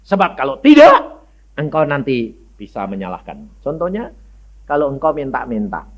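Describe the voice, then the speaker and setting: A male evangelist preaching a sermon with speech, dramatic, with sudden loud bursts and rhetorical questions to the congregation. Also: medium pitch, wildly swooping pitch, normal speed, muffled recording.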